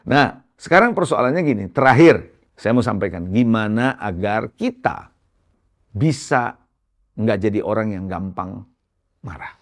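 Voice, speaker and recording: A male pastor giving a conversational sermon in speech, often addressing listeners directly and stressing points with sharp rises. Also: unhurried, long pauses, no echo, studio quality. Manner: lively pitch swings for emphasis.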